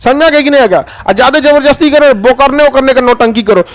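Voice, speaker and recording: A middle-aged man lectures a chemistry class. His voice sits very high, and he keeps slipping into joking little scenes between the formulas. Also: quick pace. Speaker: chemistry teacher.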